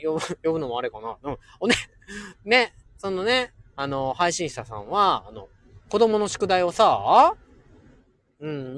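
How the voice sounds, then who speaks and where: A man's voice: on the high side, fairly bright tone. A man hosting a casual solo livestream, chatting playfully with listeners and laughing often. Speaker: livestream host.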